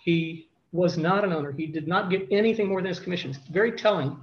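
A man giving a courtroom oral argument as defense attorney, halting and conversational, repeating words, with a gravelly voice. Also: sits high, dull audio.

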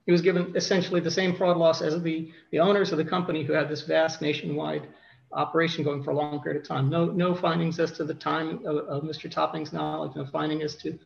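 A man giving a courtroom oral argument as defense attorney, halting and conversational, repeating words, with a gravelly voice. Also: fairly high pitch, flat delivery, highs cut off.

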